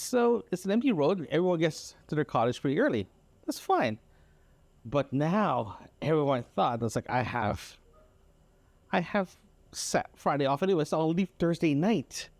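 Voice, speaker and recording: Slightly high and a touch mellow, this Canadian man's voice comes through without echo. He's a podcast host keeping a casual audio diary, rambling and repeating as he recounts daily happenings, a bit exasperated, often checking in with whoever's listening.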